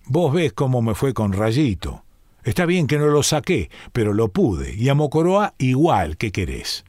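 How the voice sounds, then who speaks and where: A man's voice: medium pitch, sing-song, measured pace, a little mellow, dry recording, clean studio sound. A man with a Rioplatense Spanish accent, performing a first-person story reading in a musing, colloquial way, his phrases often falling away. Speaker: reader performing a monologue.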